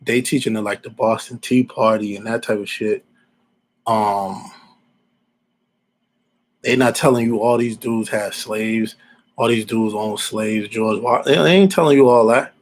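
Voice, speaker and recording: A man's voice: lowish voice, fairly even intonation, unhurried, pauses often, low-quality recording. A man in his forties from Alabama giving casual, rambling opinions as a podcast host, repeating himself and using informal slang. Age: 40s.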